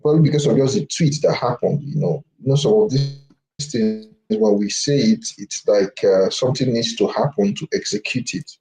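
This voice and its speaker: A man's voice: medium pitch, animated, normal speed, gravelly, mellow, poor audio. A man on a video call, talking through trades in a loose, casual market discussion, often restarting and ending on "right?". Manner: loose talk with frequent restarts and "right?" tags. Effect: voice heard over a video call.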